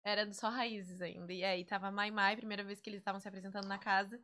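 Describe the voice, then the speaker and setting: A woman's voice: mid-range voice, little pitch movement, fast, fairly bright tone. A woman who organizes parties, chatting casually and laughing often as she recalls events. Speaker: party organizer. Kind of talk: casual chat.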